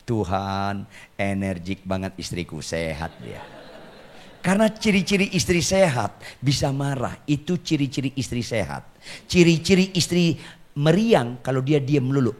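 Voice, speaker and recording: A man from Indonesia's Batak region, preaching a humorous sermon in a church, joking and self-mocking, with sudden loud outbursts and soft asides. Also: fairly high pitch. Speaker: pastor. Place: church sanctuary.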